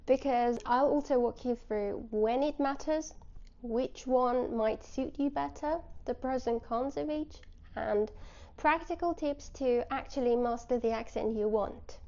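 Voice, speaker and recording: A non-native English-speaking woman with a modern British accent, explaining things clearly in short phrases to learners as a teacher. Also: fairly high pitch, a little slow, dark tone, dull audio. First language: not English. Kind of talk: direct-to-audience lesson with personal story.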